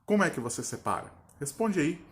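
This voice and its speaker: A male teacher, his voice pitched a little high with big pitch swings, gives a didactic grammar lesson. He frequently pauses to check whether the viewer is following, and he stretches words out slowly when splitting them into syllables.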